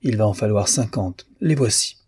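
A man's voice: fairly low pitch, expressive, moderate pace, darkish tone, slightly rough, dry recording, studio quality. A man voicing a wry, teasing male doctor who banters with a clever young man. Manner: bantering, ironic.

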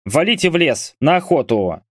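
A man's voice: fairly high pitch, big pitch swings, normal speed, no echo, clean studio sound, voice pushed up. A man voicing a burly, bearded guild doorkeeper who talks with scorn and barks orders, raising his voice. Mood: annoyed. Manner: scornful, barking.

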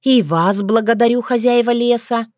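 A woman voices a bossy, spirited young witch in a bright tone, pitched a little higher than her natural voice and lightly acted. She speaks at normal speed, and the recording is dry and studio-clean.

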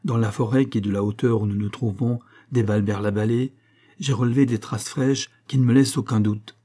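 A man voicing a steady, grave adult guide who gives measured counsel in a husky, dark voice. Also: fairly low pitch, lightly acted. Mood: calm.

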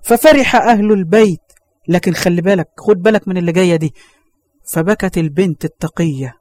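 Fervent high-voiced Egyptian preacher. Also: male voice, a little fast, darkish tone, dry recording. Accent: Egyptian Arabic. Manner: fervent, addresses listeners directly, exclaims often. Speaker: Islamic preacher. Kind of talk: storytelling religious lesson.

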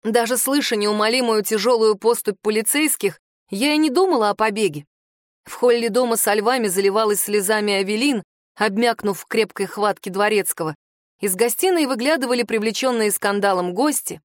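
A woman narrating first-person fiction in an expressive, dramatic audiobook reading. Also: medium pitch, fairly quick, dry recording, clean studio sound.

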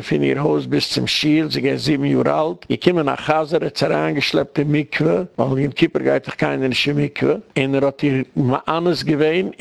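Gravelly, emphatic rabbi giving a lecture. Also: male voice, no room sound. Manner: emphatic, recounting stories with sudden high bursts; mixes in English words and phrases. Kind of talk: community lecture.

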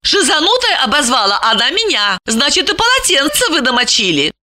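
A woman voicing a shrill, indignant housewife. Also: huge pitch swings, bright, forceful tone, exaggerated voice. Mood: mocking reproach. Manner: shrill, scolding, quick to flare up. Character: indignant, excitable plump married woman. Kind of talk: audiobook character voice.

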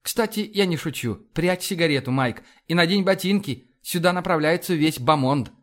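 A man reading an audiobook, voicing a sharp-tongued, teasing woman officer on a spaceship. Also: fairly high pitch, moderate pace, close to an everyday voice. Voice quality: teasing, cocky.

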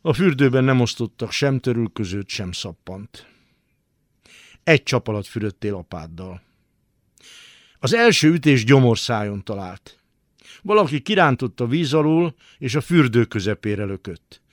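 A male narrator reads a literary story aloud with dramatic, expressive storytelling. His pitch moves in wide, lively swings. The voice sounds close and dry, as in a radio studio. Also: no echo.

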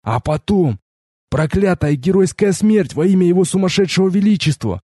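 A man reading an audiobook, voicing an agitated, insistent young male army conscript in a husky voice. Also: sits high, animated, normal speed, dark tone, dry recording, clean studio sound, pitched above the performer's own voice. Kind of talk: audiobook character voice.

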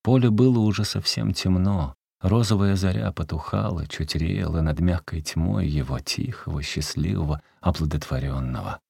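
Deep, gravelly male story reader. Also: normal speed, hardly any pauses, darkish tone, dry recording, studio quality. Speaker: narrator. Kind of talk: literary storytelling.

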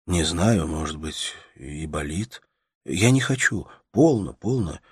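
A man voicing a weak, feverish young man in an audiobook, speaking in a faint, halting, breathless way. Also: low-pitched, lively intonation, husky, no echo, clean studio sound, full character voice.

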